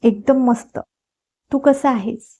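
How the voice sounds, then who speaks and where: A woman's voice: a little high, steady tone, slow, warm tone, breathy edge, exaggerated voice. Polite young woman guest, read by a woman. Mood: friendly. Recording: dull lo-fi recording.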